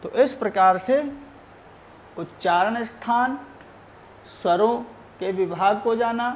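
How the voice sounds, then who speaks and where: A male Sanskrit teacher giving a recorded lesson, measured and explanatory, sounding out each letter. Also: high voice, a little hiss or hum.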